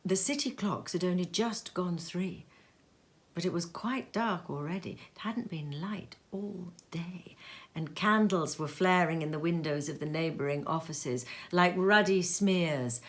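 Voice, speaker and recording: A woman whose voice sits on the low side reads a classic tale aloud at home in her sitting room. Her reading is slow and expressive, and at times she sinks to a whisper.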